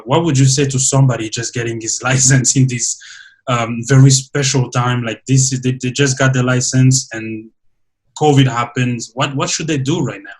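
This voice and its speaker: A man from Central Africa who grew up partly in France, hosting a casual interview, agreeable and quick to laugh, with halting restarts. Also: mid-range voice, rough recording. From Central Africa (Burundi, Rwanda), raised partly in France. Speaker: podcast host.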